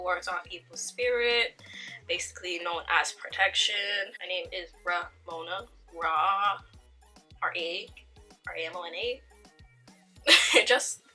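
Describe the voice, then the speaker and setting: A woman's voice: on the low side, sharp tone, rough recording. A young woman chatting casually to her viewers in a vlog, laughing often between stories. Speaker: vlogger. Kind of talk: casual chat.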